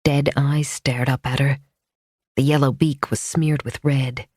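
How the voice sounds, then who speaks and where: A woman narrating a mystery thriller audiobook in a measured, tense storytelling manner. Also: rumbling low, little pitch movement, a little mellow, no room sound. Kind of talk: scripted narration. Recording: dry studio audiobook.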